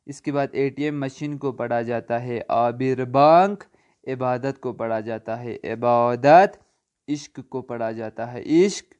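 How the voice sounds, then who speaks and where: A man teaching an online language lesson, asking quiz questions and answering them himself, slowly spelling out letters. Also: medium pitch, a little mellow, clear, resonant tone, highs cut off. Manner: slow spelled-out letter names.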